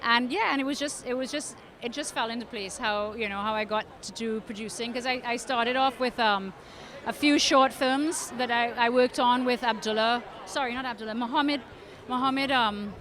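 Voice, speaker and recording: Halting Trinidadian woman, fairly high voice. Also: a bit bright. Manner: halting, many restarts and fillers. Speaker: film producer. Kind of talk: red carpet interview. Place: outdoor red carpet event.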